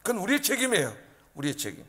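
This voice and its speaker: A male pastor preaching in a fairly high voice, pressing his points hard and tossing rhetorical questions at his listeners. His words ring out with the long reverb of a church sanctuary. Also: wildly swooping pitch, very fast, bright, forceful tone. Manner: emphatic preaching, often prodding the congregation with rhetorical questions. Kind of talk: sermon.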